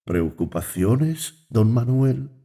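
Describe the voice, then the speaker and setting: Anxious pious young woman, read by a man: pleading, slow, dark tone. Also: medium pitch, very animated, full character voice. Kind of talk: audiobook reading.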